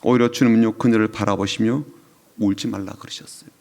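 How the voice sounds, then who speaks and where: A man's voice: on the low side, fairly even intonation, brisk, a little mellow. A male pastor delivering an emotional sermon, telling the story with drops to a whisper and sudden rises. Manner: emotional storytelling preaching, dropping to whispers and rising in swells.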